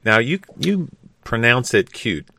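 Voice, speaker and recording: A man's voice: medium pitch, big pitch swings, measured pace, gravelly, bright, forceful tone, no room sound. A man co-hosting a podcast, asking follow-up questions in a good-humored, inquisitive way. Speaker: podcast co-host. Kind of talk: casual podcast chat.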